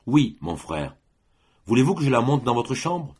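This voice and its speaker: Male reader playing a resolute young sister, soft and husky, pitched a bit high. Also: sing-song, moderate pace. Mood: firm gentle. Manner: gentle but firm. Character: young woman, grave and fiercely determined sister.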